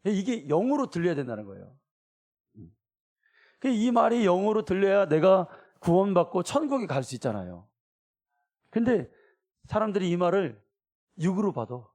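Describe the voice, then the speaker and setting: A man's voice: high-pitched, very animated, moderate pace, long pauses, a little mellow. A middle-aged man preaching a sermon as pastor, acting out everyday quotes in different voices.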